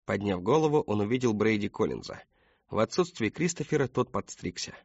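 A male audiobook narrator reading in a calm, even storytelling way, with a husky, breathy tone at a middle pitch. The recording is dry and close, with a slightly dull, lo-fi sound. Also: brisk, no room sound. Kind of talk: scripted narration.

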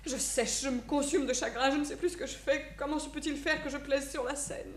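A long-suffering, lovesick young daughter played by a woman in a stage comedy. Her voice is high, plaintive and theatrical, with an echoey sound. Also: steady tone, brisk, noisy background, close to an everyday voice. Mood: despairing. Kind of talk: classic French stage comedy. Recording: echoey room.

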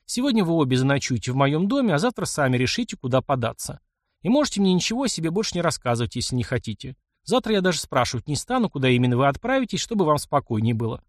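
A man's voice: fairly high pitch, big pitch swings, fast, no room sound, studio quality. A man voicing a blunt, kind young engineer in an audiobook. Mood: gruff, caring. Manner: blunt, plain-spoken. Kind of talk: audiobook character voice.

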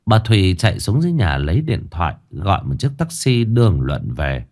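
Lively male ghost-story narrator. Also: deep voice, fairly quick.

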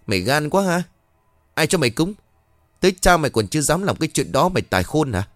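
A man's voice: a little high, big pitch swings, fast talker, fairly bright tone, no room sound, faint music behind, voice pushed up. A man voicing a cruel, foul-mouthed pregnant stepmother who scolds shrilly and snarls threats. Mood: furious.

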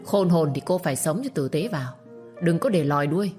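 A woman's voice: deep voice, animated, fairly quick, a little mellow, soft background music. A woman reading a stern young master. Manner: curt, stern, scornful. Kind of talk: storytelling with acted dialogue.

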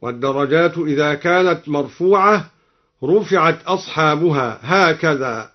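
A man explaining Quranic reading variants in a measured way, then reciting each example slowly and melodically. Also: a little high, animated. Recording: dull lo-fi archival radio recording.

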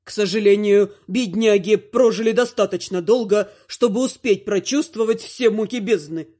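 A grumbling, exasperated father, voiced lower by a woman reader, tired and irritated. He speaks a little slower and deeper than the narration around him. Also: mellow, natural voice. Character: irritated weary father, son-in-law.

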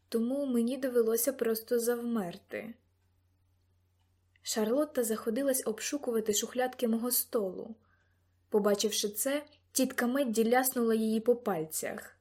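A woman narrating an audiobook in an even storytelling manner. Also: on the high side, normal speed, breathy edge. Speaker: audiobook reader. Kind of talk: scripted narration.

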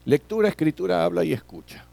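A man's voice: on the high side, lively intonation, fast talker, creaky, dark tone, no room sound. A middle-aged man teaching a classroom lecture, often tagging his sentences with questions and repeating words.

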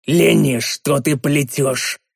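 A man voicing a stern, quick-tempered leader who barks orders. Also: mid-range voice, a little mellow, no room sound, clean studio sound, close to an everyday voice. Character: gruff male leader, quick-tempered then easing.

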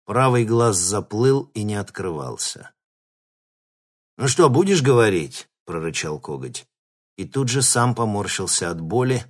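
Man narrating an audiobook, low voice. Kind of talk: scripted narration.

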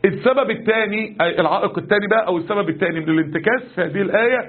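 A man preaching an Egyptian colloquial sermon lesson, animated and full of rhetorical questions. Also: high voice, very fast. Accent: Egyptian Arabic. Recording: tinny lo-fi recording.

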